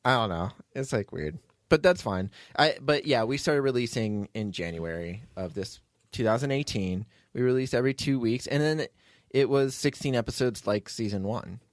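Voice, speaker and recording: The writer and producer of an audio drama hosts his podcast in a loose behind-the-scenes chat, rambling and joking at his own expense. He speaks with a mid-range voice at normal speed. The sound is studio quality without echo.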